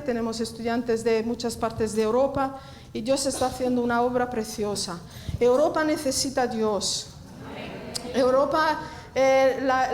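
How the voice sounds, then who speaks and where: A woman from southern Italy in her fifties, speaking with an Italian accent to a church meeting in an unhurried, chatty way, pausing often to find words. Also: fairly high pitch, a little hiss or hum. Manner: warm, chatty, many hesitations and restarts. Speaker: Bible college director speaking at a church women's meeting. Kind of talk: testimony talk to a church audience. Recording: echoey hall with faint ambience.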